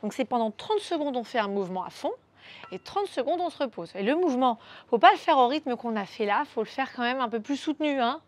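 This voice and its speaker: High-voiced upbeat fitness coach. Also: female voice, expressive, fairly quick. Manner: upbeat, coaxing, chatty, counts moves aloud. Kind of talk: guided workout instruction.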